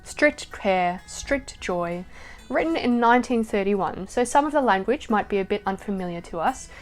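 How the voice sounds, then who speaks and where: A woman reading poems aloud slowly and softly, her voice trailing off at the ends of lines. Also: mid-range voice, lively intonation. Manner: slow, soft reading that trails off at line ends. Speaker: poetry reader. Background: soft acoustic guitar music.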